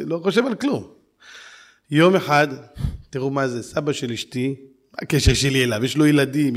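A man preaching a storytelling sermon with lively, exclaiming delivery and direct appeals to his listeners. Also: fairly high pitch. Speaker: yeshiva preacher.

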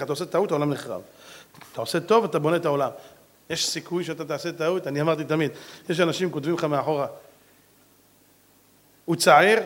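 A man preaching a sermon, animated and directly addressing his listeners, switching voices to act out stories. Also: fairly high pitch.

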